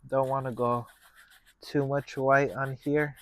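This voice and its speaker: A man hosting a painting lesson, talking through each step casually in a gentle, encouraging manner. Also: mid-range voice, level tone, slow pace. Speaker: painting instructor and show host.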